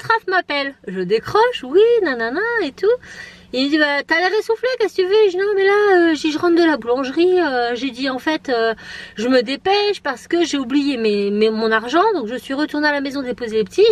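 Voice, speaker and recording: A woman's voice: high-pitched, lively intonation, a little fast. A woman in her thirties, chatting casually and laughing at herself while she vlogs from her car. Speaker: vlogger. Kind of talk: casual chat vlog.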